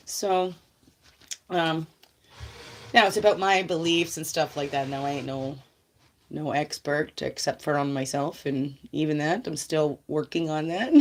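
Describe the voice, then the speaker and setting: On a livestream, a woman vlogger rambles and laughs while chatting casually about spiritual guidance. Her low voice sounds nasal and stuffy from congestion.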